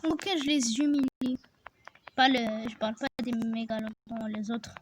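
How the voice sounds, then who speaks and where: A woman giving casual commentary over her own gameplay, excitable, yelling at the game and restarting her sentences often. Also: fairly high pitch, unhurried, slight background noise, low-quality recording. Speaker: gamer narrating her play. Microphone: phone screen recorder mic.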